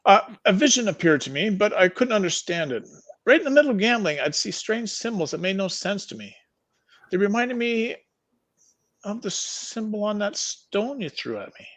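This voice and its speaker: A man's voice: high voice, sing-song, normal speed, a bit bright, voice pushed up, exaggerated voice. A man voicing a nervous ordinary man confessing a secret in a live fiction reading, talking hesitantly with stumbles.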